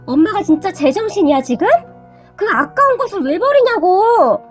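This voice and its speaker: A woman's voice: very high voice, sing-song, moderate pace, soft background music. A woman voicing a young husband who speaks firmly and in exasperation, in a read-aloud story. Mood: outraged. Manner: firm, exasperated.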